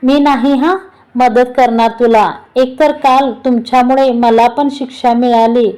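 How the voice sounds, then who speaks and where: A woman's voice: fairly high pitch, fairly even intonation, a little slow, dark tone, lightly acted, low-quality recording. Woman voicing an earnest, scolding young wife. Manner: scolding, bewildered questions.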